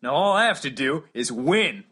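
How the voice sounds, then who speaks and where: A woman reading a storybook plays a young would-be knight with a deep voice that swings up and down. He speaks slowly and stumbles over his words when cornered, yet keeps a plucky edge. The tone is bright and forward. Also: very animated, slightly rough, full character voice. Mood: excited. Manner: hesitant, stammering under pressure.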